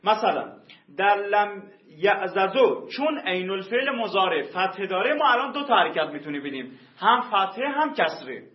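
High-voiced man teaching grammar, roomy. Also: lively intonation. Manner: slow drawn-out spelling of example words. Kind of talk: explaining grammar lesson. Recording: roomy muffled lo-fi recording.

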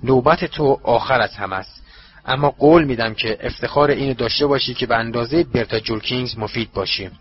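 A man voicing a cruel, ruthless dark master who speaks in a cold, contemptuous, husky voice. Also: medium pitch, dull audio, close to an everyday voice. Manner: cold, slow and menacing, contemptuous. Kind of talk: audiobook character voice.

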